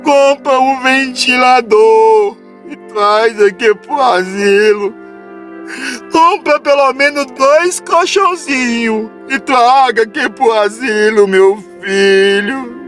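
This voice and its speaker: A man's voice: extremely high pitch, slow pace, a bit bright, soft background music, full character voice. A man voicing a pleading old dying mother. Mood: tearful pleading. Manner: pleading, repeats "meu filho". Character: dying elderly mother in a nursing home, pleading.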